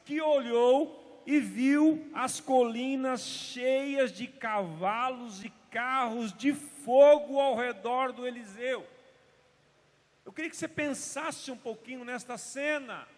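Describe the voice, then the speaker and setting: A pastor with a strikingly high voice delivers an Easter sermon, shifting between emphatic declarations and hushed storytelling. His words ring out with a long reverb trailing behind them, as in a large church hall. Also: takes it slowly. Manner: storytelling, emphatic, drops to hushed tones for drama. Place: church service.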